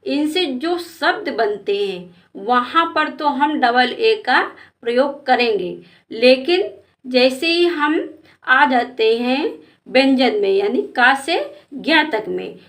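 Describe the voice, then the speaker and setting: A woman's voice: high-pitched, expressive, takes it slowly, fairly bright tone. A woman teacher giving a spelling lesson to children, asking questions and spelling out letters patiently.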